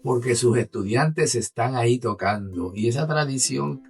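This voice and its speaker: A man's voice: medium pitch, normal speed, breathy edge, recorded from a distance, soft background music. A man with a Puerto Rican Spanish accent talks conversationally as an interview guest, explaining with animation and checking in with his listener. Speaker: orchestra musician and guest.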